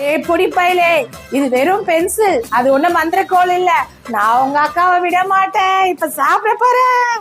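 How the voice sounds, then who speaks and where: A woman voicing a hungry, threatening female ghost in a cartoon, with a menacing slow drawl. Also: very high-pitched, expressive, fairly bright tone, soft background music, voice pushed down.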